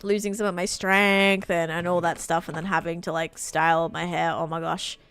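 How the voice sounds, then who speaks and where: A woman's voice: fairly low pitch, little pitch movement, moderate pace, fairly bright tone, clear, resonant tone, no echo, faint music behind. A woman, chatting casually and rambling with lots of fillers while she streams a game. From Australia. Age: late 20s. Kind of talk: casual chat while gaming.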